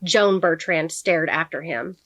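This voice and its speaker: A woman's voice: low-pitched, a little slow, dry recording. A woman reading a novel aloud chapter by chapter, adding blunt, swearing asides of her own. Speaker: book reader and channel host.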